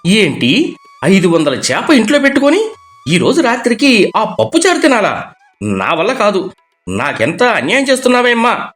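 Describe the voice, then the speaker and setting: A man's voice: high-pitched, wildly swooping pitch, moderate pace, fairly bright tone, faint music behind, heavily acted. A man voicing a sulky young son who complains in a whiny way.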